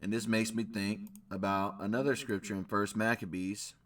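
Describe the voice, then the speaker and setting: Reading scripture and old records aloud, a man hosting a reaction video comments casually, stressing and repeating key phrases and saying "right?" often. He talks at a normal speed in a lowish, level voice.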